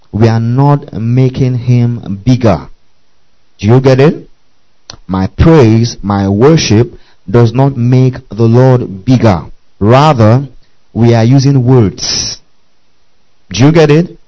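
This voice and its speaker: A man's voice: medium pitch, dark tone. Man teaching a sermon, lo-fi sound. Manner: repeats checks like "okay?" and "do you see that?". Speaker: preacher. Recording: muffled lo-fi recording.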